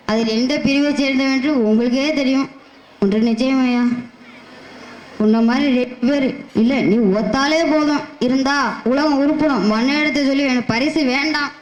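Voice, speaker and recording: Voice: high voice, roomy sound, slight background noise, natural voice. An actor playing a poor, self-pitying male poet who grumbles, mocks and wails in a comic stage style. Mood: sarcastic. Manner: comic lamenting, wailing, sarcastic. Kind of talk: Tamil stage-play comedy acting.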